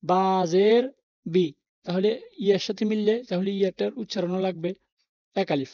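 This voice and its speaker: In a Quran reading lesson, a patient teacher spells out Arabic letters and vowel marks one at a time, assuring learners it isn't hard and easing their worries. The voice is mid-range and brisk with fairly even intonation and some vocal fry. The recording is dull and lo-fi, with no echo.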